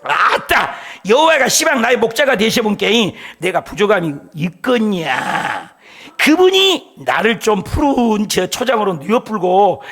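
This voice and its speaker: A man's voice: high voice, sing-song, a little slow, fairly bright tone, heavily acted. A man voicing an earthy, exuberant fellow with a Jeolla dialect, drawling with exclamations.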